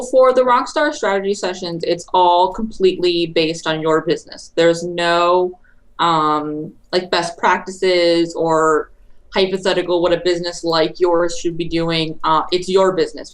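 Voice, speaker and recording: A woman speaks as a podcast guest on social media marketing. Her voice sits somewhat low, and she explains things in a brisk, chatty flow that tends to ramble. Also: fairly even intonation, rough recording. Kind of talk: casual interview chat.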